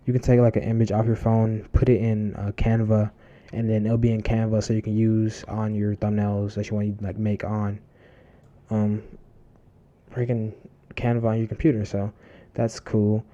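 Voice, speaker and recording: Rambling low-voiced man, dark tone. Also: flat delivery, normal speed, dull audio. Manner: rambling, many fillers, self-correcting. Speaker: tutorial host. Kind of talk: casual screen-recorded tutorial. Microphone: desk mic close to mouth, heavy breathing.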